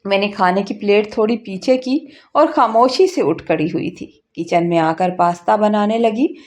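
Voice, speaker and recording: A woman's voice: mid-range voice, normal speed, darkish tone. A woman narrating an emotional first-person story in a plaintive, earnest way.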